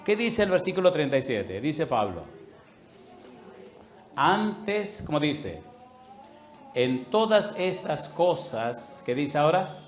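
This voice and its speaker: Male preacher, animated, does the voices in his stories, kinda high pitched, echoey hall sound. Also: takes it slowly, pauses often. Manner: animated, acts out voices in anecdotes. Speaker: pastor. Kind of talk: storytelling sermon. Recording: echoey room.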